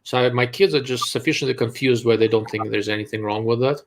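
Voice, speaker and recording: A Russian-accented man hosts a live-stream Q&A, talking fast in a mid-range voice. He answers viewer questions bluntly and with dry sarcasm.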